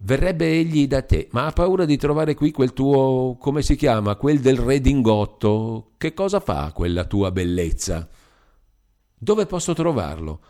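Man doing a spirited young wife, high, swooping, sharp-tongued, storybook reading. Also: measured pace. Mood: eager. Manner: lively, scornful, raised pitch. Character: bold fiery young wife, quick-tongued. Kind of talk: audiobook character voice.

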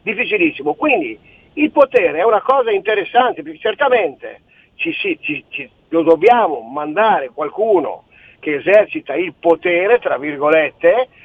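A man's voice: high voice, sing-song, unhurried, breathy edge. A man calling in to a radio talk show over a telephone line, arguing his point in an insistent, rambling way. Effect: heard over a telephone line. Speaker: caller. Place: on a phone, away from the studio. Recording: tinny phone line, dry.

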